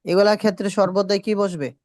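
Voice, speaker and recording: A woman teaching a spoken English class, repeating short English phrases slowly and quizzing her students. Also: mid-range voice, fairly even intonation, darkish tone, dry recording, studio quality. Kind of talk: classroom lesson.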